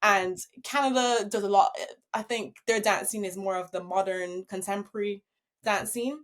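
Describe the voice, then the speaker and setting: A young woman from Barbados talks through her dance career as an interview guest, upbeat and laughing easily. Her voice sits at an ordinary pitch for a woman and flows like casual storytelling. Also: fairly even intonation, normal speed, fairly bright tone. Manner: upbeat, laughs easily while telling stories.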